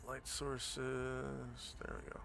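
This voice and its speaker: A man improvising narration as a tabletop game master, halting and pausing to think. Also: mid-range voice, completely flat delivery, vocal fry, a bit bright, a little hiss or hum.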